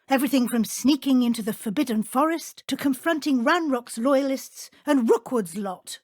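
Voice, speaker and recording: Professor Matilda Weasley, high-voiced formal schoolmistress. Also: female voice, no echo, studio quality. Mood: concerned, wary. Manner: formal, measured, crisp schoolteacher diction. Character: stern but caring woman professor at a wizard school. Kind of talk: scripted video game character dialogue.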